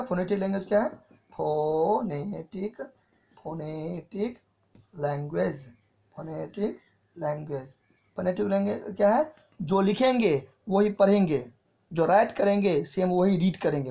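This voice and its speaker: The recording is dull and lo-fi as this man teaches English in a class lecture with an Indian accent. His voice sits high with a dark tone, and he slowly repeats key phrases as though dictating, often asking if it's clear.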